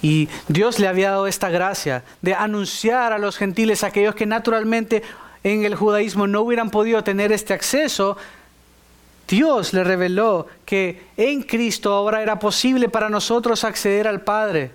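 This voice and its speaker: Brief: male preacher, high voice, emphatic sermon delivery, asks the congregation questions. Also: steady tone, normal speed, clear, resonant tone. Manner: emphatic, rising to high exclamations; speaks directly to the congregation with questions.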